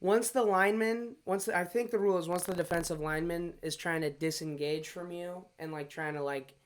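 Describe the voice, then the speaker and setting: A young man in loose podcast sports talk, with a slightly high, smooth and clear voice. He is animated and blunt, and swears freely when he is frustrated. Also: a little fast. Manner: animated, profane outbursts. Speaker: podcast co-host. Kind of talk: casual sports chat.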